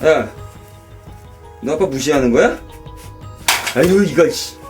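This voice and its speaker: An actor playing an abusive, drunken middle-aged father who shouts and swears at his child and wife. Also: a little high, expressive, slow, loud music behind the voice. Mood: furious.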